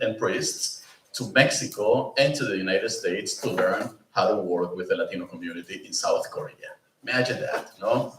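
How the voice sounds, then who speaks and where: A man giving a conversational lecture as a presenter at a pastoral institute, often asking the room "no?" and "you know?". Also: medium pitch. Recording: roomy, mic at a distance.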